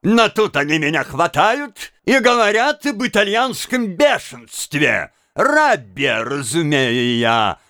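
A male audiobook reader voicing an excitable, proud Italian violinist who tells his story in theatrical, indignant outbursts. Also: fairly high pitch, slow, hardly any pauses, no echo, studio quality, heavily acted. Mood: outraged. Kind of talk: audiobook character reading.

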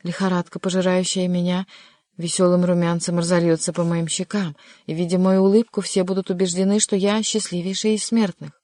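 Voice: medium pitch, flat delivery, brisk, a little mellow, no echo, clean studio sound, close to an everyday voice. A reader voicing a melancholy, lovesick young nobleman in an audiobook, earnest and bitter. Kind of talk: audiobook character reading.

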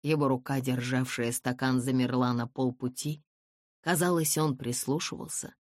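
An audiobook narrator reading a classic novel in the first person, with calm, measured storytelling. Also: medium pitch, no room sound, clean studio sound. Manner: calm, measured storytelling, softer in the heroine's replies.

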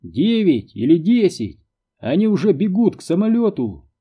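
A man's voice: high-pitched, big pitch swings, moderate pace, breathy edge, lo-fi sound, pitched above the performer's own voice, heavily acted. A man voicing a nervous male pilot calling over the radio with urgent news.

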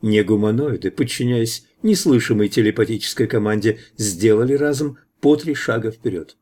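A man narrating an audiobook in a steady storytelling manner. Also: fairly low pitch, normal speed. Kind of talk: audiobook narration of science fiction.

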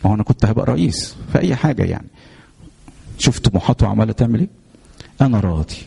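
A man's voice: lowish voice, creaky, warm tone, slightly rough, exaggerated voice. A man with an Egyptian accent voicing the young male prisoner Joseph, earnest and eager to serve. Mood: content. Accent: Egyptian Arabic.

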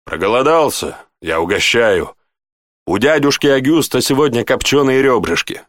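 A man's voice: medium pitch, lively intonation, moderate pace, fairly bright tone, dry recording, clean studio sound, voice pushed up, natural voice. A man voicing a commanding male lieutenant who barks orders yet greets an old friend heartily. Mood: hearty.

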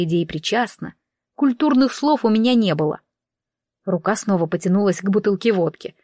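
A woman narrates a first-person story in an expressive, conversational way. Her voice sits at a middle pitch. The recording is dry and close, with no room sound. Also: no room sound. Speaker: audiobook narrator.

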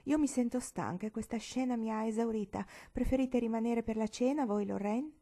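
A woman reading a storybook, voicing a dignified, weary grandmother in a measured, reproachful way. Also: on the high side, dark tone, voice pushed up.

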